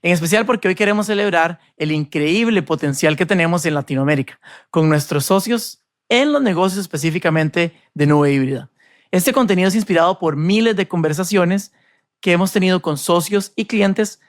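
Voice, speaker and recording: A man's voice: high voice, no room sound, clean studio sound. A man from Costa Rica hosting a podcast, delivering a polished, upbeat scripted introduction and interview questions. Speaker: podcast host.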